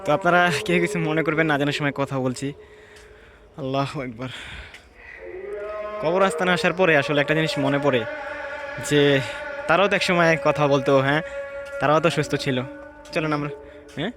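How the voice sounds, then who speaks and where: A man gives a hushed, reflective walking tour of an outdoor graveyard, pausing to read the graves aloud. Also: fairly high pitch, music in the background. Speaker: vlogger. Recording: outdoor ambience noise.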